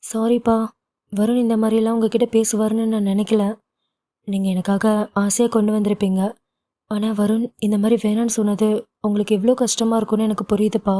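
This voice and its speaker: A woman's voice: mid-range voice, level tone, fairly quick, dark tone, natural voice. A woman voicing a loving, emotional young wife who pleads and argues with feeling. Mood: pleading.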